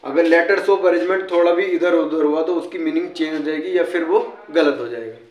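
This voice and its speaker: Speaking at a normal pace in a voice on the high side, an Indian-accented man breaks down English words like a teacher, frequently asking and then answering his own questions. The casual, classroom-style talk is recorded in an echoey room.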